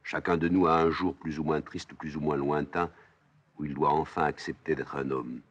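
A man reading a play aloud, voicing a weary, stern king who speaks gravely and with resignation. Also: very deep voice, steady tone, normal speed, muffled recording.

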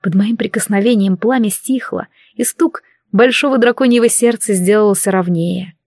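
A woman narrating a first-person fantasy audiobook with an emotive, measured delivery. Her voice sits in the middle range. The recording is dry and close. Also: medium pitch, a little mellow, dry recording.

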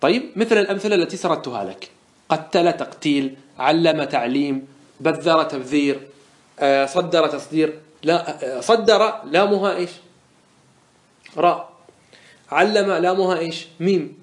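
Man teaching with slow drawled examples, echoey. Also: fairly high pitch. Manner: drawls out example words slowly, asks and answers his own questions. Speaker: sheikh teaching Arabic morphology. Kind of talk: classroom lesson explaining verse. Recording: echoey room sound.

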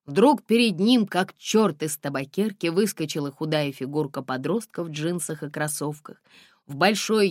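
A woman narrating a novel in an expressive audiobook reading. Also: low-pitched, dry recording, clean studio sound. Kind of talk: scripted narration.

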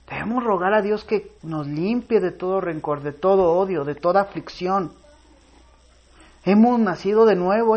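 A pastor preaches a sermon in an earnest, high voice, reading scripture aloud with pauses before swelling into loud, emphatic stress. The recording is muffled.

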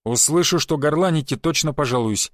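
A man's voice: on the high side, a little fast, no room sound, clean studio sound, close to an everyday voice. A man voicing a stern, stout middle-aged female train conductor in an audiobook. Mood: warning. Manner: strict, scolding, then mocking.

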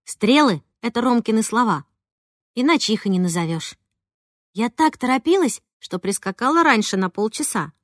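A woman reading a first-person story aloud in an expressive storybook manner, close to the mic. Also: on the high side, normal speed, dry recording. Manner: expressive, voices the dialogue. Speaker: audiobook reader.

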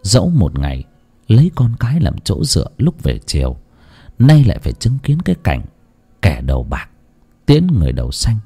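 Expressive male horror storyteller. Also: normal speed, husky. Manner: expressive, swings between hushed low and raised tones. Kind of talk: dramatic horror story narration.

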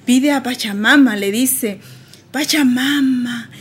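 High-voiced woman telling a folk tale. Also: moderate pace. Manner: lively, voices the quoted characters. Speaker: guest storyteller.

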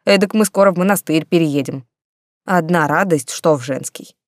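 A woman's voice: sits low, normal speed, no room sound, studio quality, lightly acted. Woman voicing a snide grumbling talking rat. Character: sarcastic male talking rat familiar.

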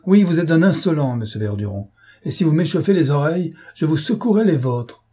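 A man's voice: on the low side, moderate pace, dark tone, slightly rough. A man voicing a burly male master gunner who bellows threats in a menacing tone. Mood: thundering. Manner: thundering, menacing.

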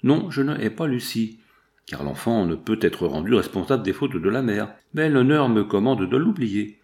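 A man's voice: expressive, normal speed, darkish tone. Lucien, a grave sorrowful young man, read by a man. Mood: solemn. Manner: low, broken, solemn.

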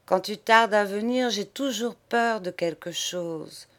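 A woman's voice: medium pitch, animated, takes it slowly. A woman voicing a doting cook in her forties who pleads in a plaintive tone.

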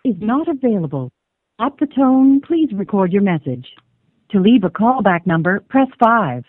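A recorded woman's voice reads an automated voicemail greeting as flat system prompts. It comes through a tinny phone line that sounds dry and close. The pitch moves in a lively way from prompt to prompt. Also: moderate pace, dry recording. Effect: automated voicemail greeting over a phone line.

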